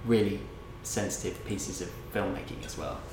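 A man's voice: low voice, moderate pace. A man hosting a casual chat, rambling and reflective with many fillers. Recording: roomy echo, background noise.

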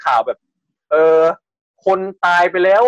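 On a podcast, a man casually retells a strange news story at a measured pace, chatting away, restarting often and acting out quotes. The low-quality recording has no room sound.

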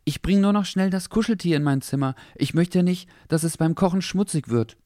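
A man's voice: high-pitched, warm tone, no echo, studio quality, pitched above the performer's own voice, lightly acted. A man voicing an eager, polite young boy in a children's audio story. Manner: hurried, earnest child's voice.

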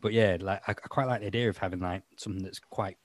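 A man's voice: sits low, fairly even intonation, quick pace, no room sound. A man hosting a podcast, talking in a rambling, self-mocking way with lots of fillers. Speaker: podcast host. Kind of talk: casual chat.

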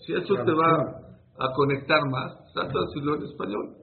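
A man's voice: on the high side, normal speed, vocal fry. A man giving an informal religious lesson to a small group, telling stories and answering questions as he goes. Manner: conversational, storytelling, answers listeners' questions. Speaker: rabbi teaching a class. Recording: tinny phone-like sound with faint noise.

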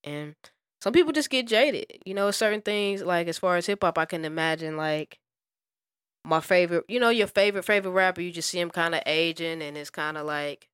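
A woman co-hosting a casual podcast, speaking reflectively and working through ideas out loud with plenty of fillers. Her voice sits on the low side for a woman. The sound is dry and close to the mic. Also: a little fast, clear, resonant tone, no echo. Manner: reflective, thinks aloud with many fillers. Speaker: podcast co-host.

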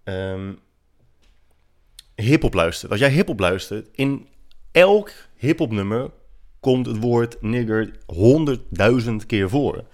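A man's voice: medium pitch, animated, slow pace, a little mellow. A man hosting a solo podcast, giving his opinions in an argumentative way with many hesitant fillers. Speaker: podcast host.

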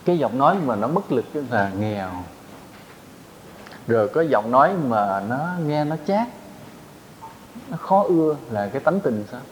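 Monk, easygoing dharma talk. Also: male voice, mid-range voice, big pitch swings, unhurried, long pauses, slight background noise, poor audio. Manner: plain conversational teaching with rhetorical questions. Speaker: Buddhist monk teacher.

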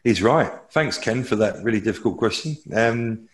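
A man's voice: fairly low pitch, expressive, normal speed. A man, a technology expert guest, answering viewer questions in a rambling, self-correcting, opinionated way.

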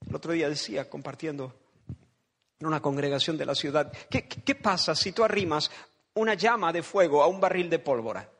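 A man's voice: fairly high pitch, expressive, fairly quick, a bit bright, husky. A man from preaching a sermon, dramatic and emphatic, repeating phrases and acting out voices from the story.

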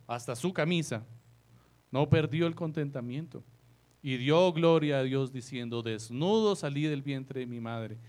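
Man preaching with emphatic repeated lines. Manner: rhetorical questions to the congregation, repeats key lines slowly for emphasis; swings between soft low remarks and loud emphatic phrases. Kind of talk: sermon.

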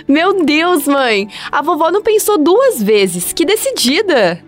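A Brazilian actress playing an eager, curious, exclamatory young daughter in a radio drama. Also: female voice, high-pitched, very animated, takes it slowly, exaggerated voice. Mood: amused, curious. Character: eager, excitable young daughter hearing family stories. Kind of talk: radio soap opera acting.

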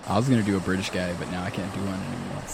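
A man's voice: sits low, little pitch movement, rapid-fire, vocal fry. A man co-hosting a casual podcast, talking in a dry, teasing way. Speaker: podcast co-host. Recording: noisy background.

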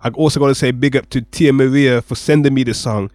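A man speaks as a radio interviewer in a casual, conversational style. His voice sits at a middle pitch, and the sound is close and dry, with no room ring. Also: steady tone, fast, darkish tone, no echo.

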